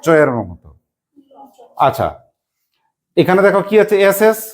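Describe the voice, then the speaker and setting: A woman teaching an English grammar lesson to a class, asking quick questions and spelling words out letter by letter. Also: fairly low pitch, sing-song, darkish tone.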